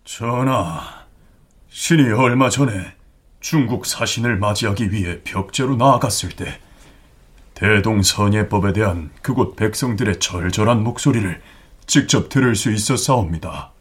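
A man playing a dignified, deferential royal secretary of the Joseon court in a historical radio drama, with formal, measured speech. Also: fairly low pitch, husky. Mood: solemn reporting.

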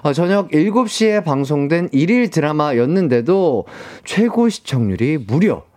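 A man hosting a radio talk show, playful and quick to laugh. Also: a little high, big pitch swings, a little mellow. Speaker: radio host.

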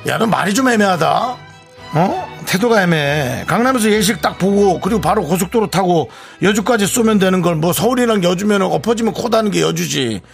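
A man playing a brash, self-centered friend in a radio skit, loud and overbearing. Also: lively intonation, brisk, vocal fry, soft background music. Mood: pushy, scolding. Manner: loud, overbearing, with sudden swoops of pitch. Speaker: radio co-host.

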